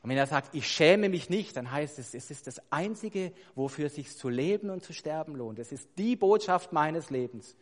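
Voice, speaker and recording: A man preaching a sermon, emphatic and building to loud stressed points, putting rhetorical questions to his congregation. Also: a little high, expressive, normal speed, few pauses. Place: church hall. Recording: long hall reverb.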